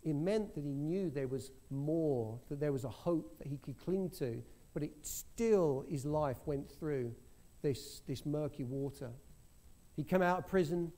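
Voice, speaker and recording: A man with a slightly high, warm voice preaches at a measured pace, sharing a testimony with his congregation as a story. He speaks earnestly and often restarts his sentences.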